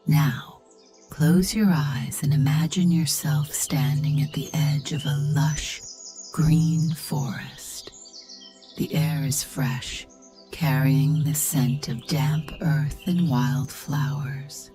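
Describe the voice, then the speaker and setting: A sleep story and meditation narrator speaks in a very deep, soft, breathy voice that's nearly a whisper, taking her time with fairly even intonation. Soothing, gentle and measured, she guides the listener as in a bedtime meditation, with faint music and birdsong behind her.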